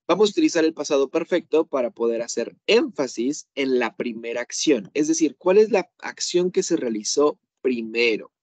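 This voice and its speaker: A man's voice: medium pitch, expressive, moderate pace, hardly any pauses, a little mellow, no room sound. A man teaching English grammar to a class, explaining with everyday examples and checking in often.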